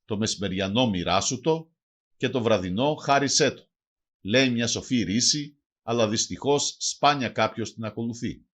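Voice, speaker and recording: A man narrating a language lesson from a script. He reads each word and then its translation in a measured teaching cadence. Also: medium pitch, fairly bright tone.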